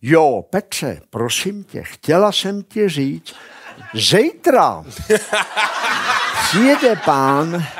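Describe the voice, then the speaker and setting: A man's voice: on the high side, sing-song, pauses often, slight background noise. An older man mimicking his chatty wife. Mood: rambling.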